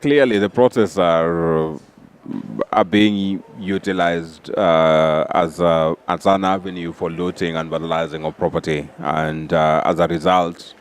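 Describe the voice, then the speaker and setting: A man with a low voice argues his side in a political talk show. He speaks in a measured, halting way, pausing often to find his words. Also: fairly even intonation, a little hiss or hum. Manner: measured, hesitant, many "uh" pauses. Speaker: podcast co-host. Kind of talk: political debate.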